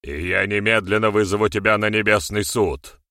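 A male audiobook narrator voicing a stern warrior-chief who speaks forcefully and with heavy emphasis. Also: fairly low pitch, fairly even intonation, moderate pace, no room sound, clean studio sound. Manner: forceful, emphatic, barking orders. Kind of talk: audiobook character voice.

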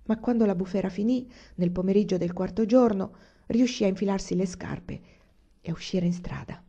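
A woman reading a novel aloud as an audiobook narrator, in an even storytelling manner. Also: mid-range voice, normal speed. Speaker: audiobook reader. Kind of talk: scripted narration. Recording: dull lo-fi recording.

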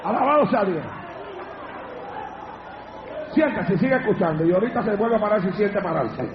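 A man's voice: high voice, animated, quick pace, a crowd in the background, background noise. A man, a pastor preaching fervently and acting out his own testimony. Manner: fervent, acts out his own dialogue in the story. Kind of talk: Pentecostal sermon with testimony. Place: church service. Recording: echoey church with lo-fi sound and congregation.

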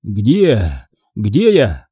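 A man's voice: lowish voice, huge pitch swings, drawn-out words, dark tone, husky, no room sound, heavily acted. A man voicing a wry, weary adventurer in an audiobook, dry and tired in manner. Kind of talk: audiobook character voice.

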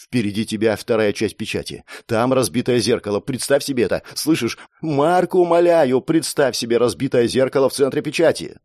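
A man's voice: medium pitch, a little fast, hardly any pauses, a little mellow, no echo, clean studio sound, lightly acted. A man voicing a frantic young woman mage who pleads urgently and breaks into curses. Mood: pleading. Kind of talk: audiobook character voicing.

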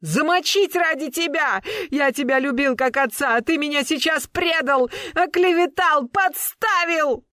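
A reader voicing a furious young male ex-soldier who screams his accusations at a high, strained pitch. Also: animated, brisk, hardly any pauses, a bit bright, no room sound, studio quality, close to an everyday voice. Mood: enraged.

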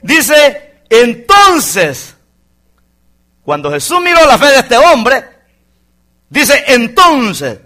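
Man, pastor, fervent sermon, bright voice, very lively pitch. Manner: fervent preaching, keeps addressing the congregation as brother. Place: church congregation.

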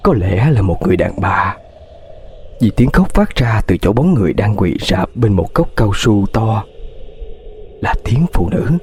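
A man's voice: fairly low pitch, a little mellow, slight background noise. A man narrating a ghost story in a tense, dramatic way, with hesitations.

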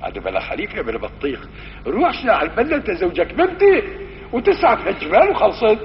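A high-pitched man with a Syrian Arabic accent swings his pitch hugely and speaks fast as he gives a religious lesson, narrating stories and playing the dialogue in varying voices. The audio is an old, muffled hall recording with reverb and slight background noise.

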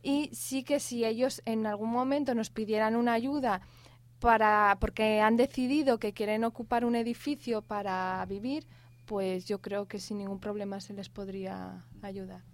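A woman's voice: medium pitch, fairly even intonation, normal speed. A woman answering earnestly as an activist guest in a radio interview, with some fillers as she talks.

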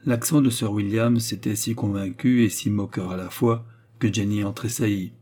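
A man narrating a classic novel as an audiobook, in a measured, even reading. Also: fairly low pitch. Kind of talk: scripted narration.

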